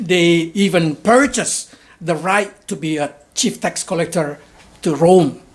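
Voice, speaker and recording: A woman preaching a sermon in short, halting phrases and pausing for her interpreter. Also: fairly low pitch, husky.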